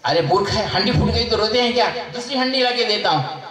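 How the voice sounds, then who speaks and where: A man's voice: high-pitched, animated, fairly quick, a bit bright, voice pushed up. A man voicing a grieving king who scolds a stranger with impatience. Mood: irritated. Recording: echoey hall, mic far off.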